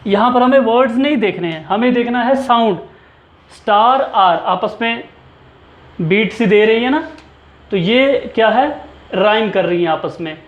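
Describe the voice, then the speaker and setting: High-voiced Indian man teaching English. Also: lively intonation. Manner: explains slowly and asks the class questions. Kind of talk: lecture to students mixing Hindi and English. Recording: echoey room, dull sound.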